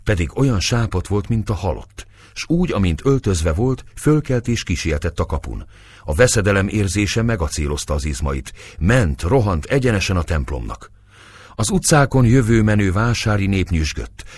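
A man narrating an audiobook in an expressive, dramatic way. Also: on the low side, breathy edge, no echo.

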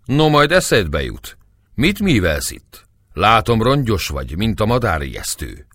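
A commanding, hot-tempered officer, voiced by a male narrator speaks loudly and forcefully. His deep voice is pushed higher and rings dry and close, with very lively pitch. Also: no echo, full character voice. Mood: jovial.

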